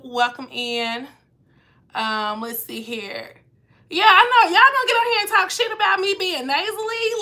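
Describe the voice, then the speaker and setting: A woman's voice: on the high side, sharp tone. A young woman chatting casually on a live stream as a cruise vlogger and travel agent, her voice nasal and congested from a cold. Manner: chatty, reads out viewer comments.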